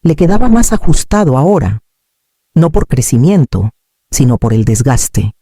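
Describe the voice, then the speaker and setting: A man reading a first-person drama story in a calm, measured way. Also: medium pitch, no room sound, studio quality. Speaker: narrator.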